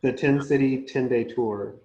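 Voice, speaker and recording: A man speaks over a conference call line that sounds dull and muffled, with a roomy echo around his voice. His delivery is slow and halting, with many pauses, and his tone is mellow and soft-edged. The call audio keeps breaking up. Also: mid-range voice, fairly even intonation. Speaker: community organizer. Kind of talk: speaking as a guest on a panel.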